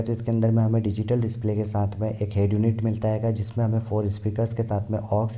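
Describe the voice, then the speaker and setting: A man's voice: fairly low pitch, dark tone. A man explaining car variants in a car review, steadily listing features one by one.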